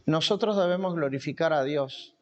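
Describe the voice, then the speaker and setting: A man's voice: on the high side, moderate pace, a little mellow, highs cut off, a little hiss or hum. A man preaching a sermon at a church camp, emphatic and repeating key phrases.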